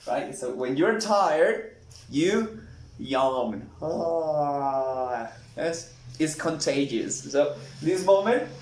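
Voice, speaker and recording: Slow, animated man teaching vocabulary. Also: on the high side. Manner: slow, animated, acts out examples. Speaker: English teacher. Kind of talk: vocabulary lesson. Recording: echoey room.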